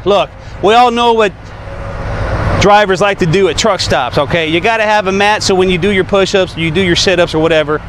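Middle-aged trucker guy, highish voice, rambling show-and-tell outside, trucks rumbling behind. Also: a little fast, a bit bright. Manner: chatty, repeats "you know what I mean". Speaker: trucker vlogger. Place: outdoor truck parking lot. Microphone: camera mic at a few feet. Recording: outdoor camera audio with traffic noise. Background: truck and traffic noise.

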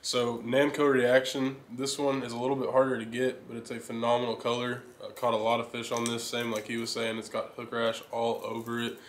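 A young man hosting a fishing channel, giving a steady, enthusiastic rundown of his lures in a casual chat. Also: mid-range voice, a little fast, few pauses, slight background noise. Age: young adult. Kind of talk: casual gear talk to camera. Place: indoor living room.

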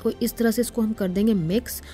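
A woman hosting a cooking channel, calmly explaining each step of a recipe to her viewers as friends. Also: on the high side, fairly quick, faint music behind. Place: home kitchen.

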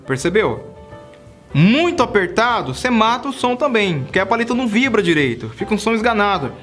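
A man's voice: high voice, big pitch swings, quick pace, music in the background. A man, teaching saxophone in a casual video lesson, chatty and constantly checking in with the viewer. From Brazil. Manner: chatty, checks in often with "tá?" and "cara".

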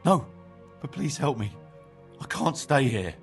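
An injured labourer in a medieval game. He sounds plaintive and despondent in a mid-pitched voice, with faint music behind. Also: big pitch swings, unhurried, creaky. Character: despondent injured quarry worker, bedridden and pleading. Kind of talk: video game dialogue acting.

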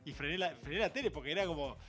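A man with an Argentine accent recounts a story in a laid-back way, his voice a touch high for a man. Music is clearly audible behind him on the show. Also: expressive, rapid-fire, fairly bright tone. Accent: Argentine Spanish. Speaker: co-host.

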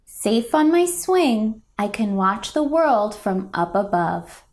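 A young woman reads a children's picture book aloud indoors in a home room, going very slowly and deliberately. Her voice sits a little high and sing-song, gentle and expressive as if for small listeners.

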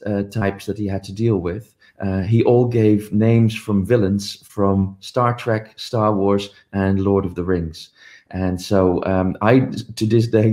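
Here the middle-aged man sounds lowish and a little mellow. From his home office, over a webcam on a video call, he tells stories in a commemorative conference talk, filling it with ums and uhs.

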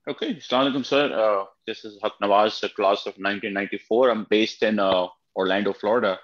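A man from Pakistan in his thirties asks a long, polite question over a video call, full of fillers. His voice sits a little low, and the audio is dull. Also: fast talker. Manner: polite, rambling, many fillers. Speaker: audience member asking a question. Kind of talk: questions on a webinar.

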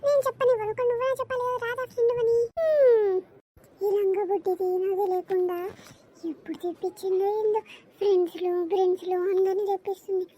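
A woman's voice: extremely high pitch, fairly even intonation, fast talker, dark tone. A woman voicing a grumpy, suspicious old mother-in-law in a cartoon, who scolds, complains and nags. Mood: scolding.

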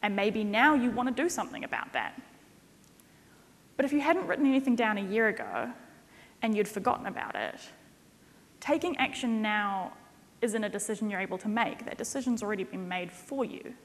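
A woman's voice: medium pitch, fairly quick. A young woman giving a conference keynote as a consultant, conversational and jokey, speaking at a lectern on a stage. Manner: conversational and jokey, lively emphasis. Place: conference stage in a large hall. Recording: reverberant hall sound.

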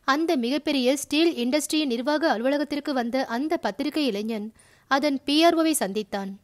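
A woman narrating a crime audio novel in a steady storytelling manner, voicing the characters herself. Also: high-pitched, normal speed, dry recording, clean studio sound.

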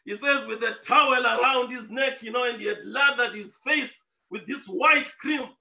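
A man preacher telling a story in a sermon, emphatic, with rhetorical questions and bursts of shouting. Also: very high-pitched, normal speed, vocal fry, far from the mic. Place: church hall. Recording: echoey dull lo-fi church recording.

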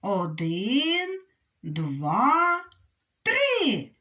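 A woman's voice: high-pitched, expressive, takes it slowly, a bit bright, distant mic, highs cut off, voice pushed up, exaggerated voice. A woman voicing a proud male hare in a storybook, eager and exclaiming.

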